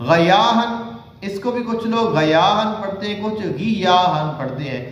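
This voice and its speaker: A man from Pakistan with a Punjabi accent, a cleric giving religious instruction who recites long sacred names slowly and deliberately. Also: high-pitched. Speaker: Islamic spiritual healer and cleric. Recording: very echoey room.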